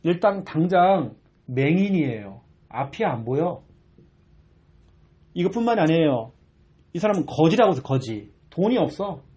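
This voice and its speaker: A man in his forties preaches to a church congregation. His voice is husky and sits fairly high, and it swings widely in pitch as he acts out pleading cries. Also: normal speed, long pauses. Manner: animated preaching with acted-out shouts. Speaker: pastor. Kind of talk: sermon.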